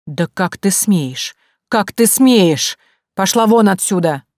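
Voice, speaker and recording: Woman reader doing a snooty shrill noble lady, lowish voice, dry sound. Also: a little fast, a little mellow, no echo, natural voice. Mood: furious. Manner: contemptuous, shrill when angry. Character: haughty noble lady, a shrieking mother.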